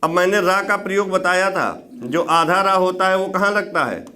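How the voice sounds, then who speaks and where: A man with a fairly high voice teaches a Hindi grammar lecture for exam preparation. He goes step by step, repeats key words so students can write them down, and keeps checking in with short questions. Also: lively intonation, normal speed, pushed and bright. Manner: explains step by step with tag questions.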